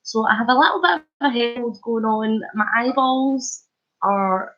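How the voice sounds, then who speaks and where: On a live stream, a Scottish woman with a fairly high voice talks in an unhurried, casual way, sounding a bit thick from a head cold and sore throat. She chats, chuckles, and warmly greets viewers as the vlogger hosting. The sound is dull and lo-fi, as if from a phone.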